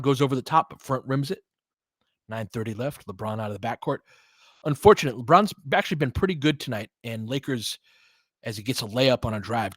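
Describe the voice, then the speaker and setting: A man with a voice on the high side and a bit bright offers fan play-by-play of a basketball game. He calls the action, adds opinionated conversational commentary, and coaches the players aloud, all in a dry recording.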